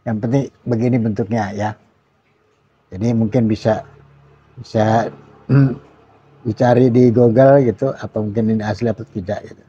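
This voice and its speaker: An older retired man, the channel's host, slowly showing his old microphones in a rambling, casual way with many fillers. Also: on the low side, fairly even intonation, warm tone, husky. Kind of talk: casual show-and-tell about microphones. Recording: dull lo-fi dry sound.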